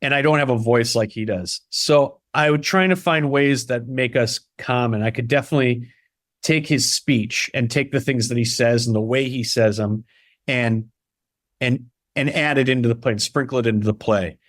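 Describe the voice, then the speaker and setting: A man from the Chicago area, a playwright and solo performer, chatting in an interview in a quick, animated way with lots of restarts. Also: medium pitch, no echo, studio quality. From Chicago area (Barrington). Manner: animated, quick, many restarts and "you know"s. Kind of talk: casual interview conversation.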